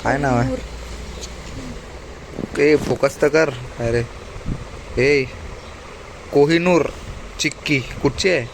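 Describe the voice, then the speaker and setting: A man's voice: on the high side, takes it slowly, pauses often, background noise. A man hosting a casual family vlog at home, chatting and teasing, talking to viewers as guys.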